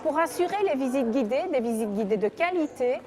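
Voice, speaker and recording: A woman's voice: sits high, lively intonation, brisk. A middle-aged woman, a heritage association founder, speaking with enthusiasm and many hesitations in an outdoor interview. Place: outdoors at a church event. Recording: crowd audible behind.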